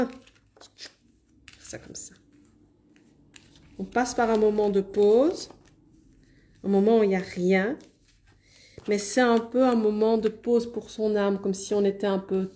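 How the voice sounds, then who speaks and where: A woman with a Liège Belgian French accent chats through a live card reading. Her voice is warm and relaxed, her manner casual and apologetic as she answers viewers. She sometimes leans away from the mic while handling cards. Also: medium pitch. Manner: chatty, apologetic asides, reads viewer comments aloud. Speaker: card reader hosting a live stream.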